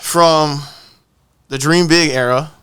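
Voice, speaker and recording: Man, podcast host, casual chat, bright tone, upbeat, hypes guests. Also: fairly high pitch, steady tone, slow, clear, resonant tone.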